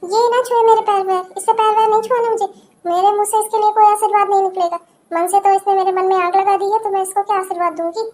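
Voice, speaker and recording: A woman voicing a taunting, scornful middle-aged mother-in-law in a cartoon. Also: extremely high pitch. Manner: taunting, scolding.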